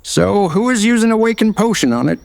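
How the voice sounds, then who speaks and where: A man with a high, lively and creaky voice plays in a tabletop game replay. He reads narration and character lines in a reverberant space. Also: a little fast. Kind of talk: scripted narration and character dialogue.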